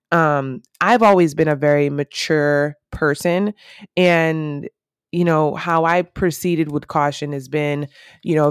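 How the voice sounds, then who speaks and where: A woman's voice: low voice, smooth, no echo, clean studio sound. A woman in her thirties hosting a solo podcast, talking in an earnest, reflective and rambling way with many fillers. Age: 30s. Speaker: podcast host.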